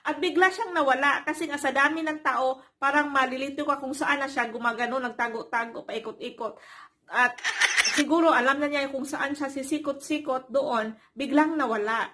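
A woman's voice: sits high, moderate pace. A woman telling a personal story in a casual, chatty way, laughing often and calling her viewers guys. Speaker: vlogger. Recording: loud background noise.

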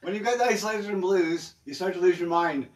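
A man's voice: high voice, fairly quick, far from the mic, a crowd in the background. A man co-hosting a casual chat show, full of jokes and wordplay. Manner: jokey, wordplay-loving. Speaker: co-host.

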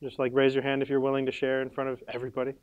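A man's voice: mid-range voice, monotone, rapid-fire, clear, resonant tone, narrow, tinny audio. A man leading a conference workshop in a casual, upbeat way, full of "like" fillers as he gives the audience instructions. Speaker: workshop leader.

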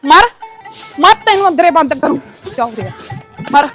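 A woman's voice: high voice, expressive, moderate pace, a bit bright, faint music behind. An actress playing a fed-up village wife in a comedy web series, nagging and scolding her drunk husband. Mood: furious.

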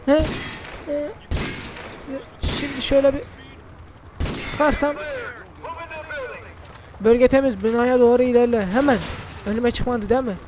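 A male gaming host giving casual gameplay commentary, brash and excitable, swearing and shouting at the characters on screen. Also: very high voice, background noise. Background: game music.

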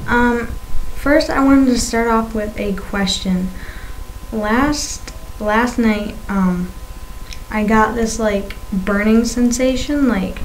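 A young woman chatting casually to a webcam, her speech lisping, halting and labored from a swollen new tongue piercing. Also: a little high, rough recording. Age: young adult. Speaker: video blogger. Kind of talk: casual vlog chat. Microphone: webcam at arm's length. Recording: faint-to-clear noise on webcam audio.

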